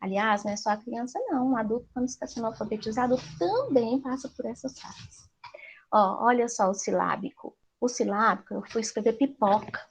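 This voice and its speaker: Woman, Brazilian Portuguese accent, teacher, explanatory, rhetorical questions, slightly high pitch. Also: brisk, a little hiss or hum. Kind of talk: live class for parents.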